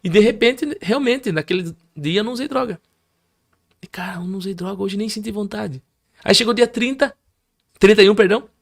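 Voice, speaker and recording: Brazilian male guest preacher, high gravelly voice, animated testimony storyteller. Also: a little fast. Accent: Brazilian Portuguese. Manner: animated storyteller, acts out his mother's high crying voice. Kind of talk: testimony in casual conversation.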